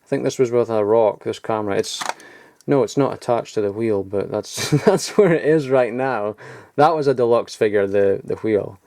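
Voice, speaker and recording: Showing his old collectible toys up in his home loft, a young man rambles in an offhand way and chuckles at himself. His voice sits on the low side, mellow and at a moderate pace, with slight background noise in this casual show-and-tell vlog.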